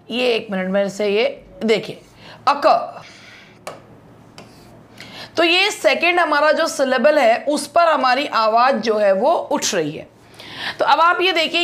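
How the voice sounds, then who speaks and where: A woman with an Indian accent teaching an exam-prep grammar lesson, explaining slowly with many pauses and hesitations. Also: high voice, fairly bright tone. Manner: slow, explanatory, many hesitations, mixes Hindi and English.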